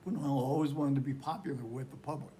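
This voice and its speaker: A man giving an informal talk on film, telling it haltingly as he searches for words and repeats phrases. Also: mid-range voice, fairly even intonation, dark tone, slight background noise. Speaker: film lecturer. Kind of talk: informal film talk recounting history and plot.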